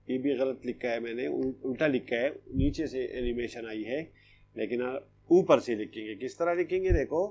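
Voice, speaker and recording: A man teaching a primary school Urdu writing lesson in an online class, slow and patient, repeating each step and checking that the children follow. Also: mid-range voice, darkish tone. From Pakistan.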